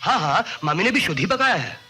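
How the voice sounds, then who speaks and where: A man's voice: high voice, sing-song, quick pace, sharp tone, exaggerated voice. An actor playing a tender, stubborn young man who pleads with and teases a grieving woman, in 1980s Hindi film style. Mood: coaxing. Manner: pleading then coaxing and teasing. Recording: film soundtrack with music beneath.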